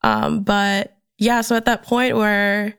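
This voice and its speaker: A woman from Minnesota, a guest in a studio interview, talking in an easygoing, unhurried way and often laughing. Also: mid-range voice, flat delivery, gravelly, a bit bright, smooth. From Minnesota, USA. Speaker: guest, graphic designer. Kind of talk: casual interview chat. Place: recording studio.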